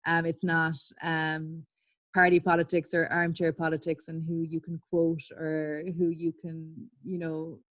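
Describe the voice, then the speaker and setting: A woman's voice: deep voice, monotone, measured pace. A woman, an artist and publisher, giving a candid online talk over a video call, swearing and laughing as she tells stories. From Ireland.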